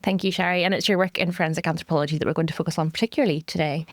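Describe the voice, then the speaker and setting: A woman's voice: lowish voice, steady tone, very fast, dry recording, clean studio sound. A woman hosting a law podcast, introducing guests and asking questions in a polite, scripted way. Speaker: podcast host, law lecturer.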